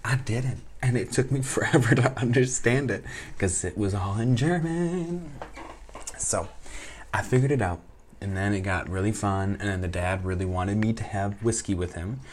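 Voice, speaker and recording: A man chatting casually to the audience, telling an animated story and laughing often. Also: on the low side, normal speed, slight background noise. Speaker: vlogger recounting a trip.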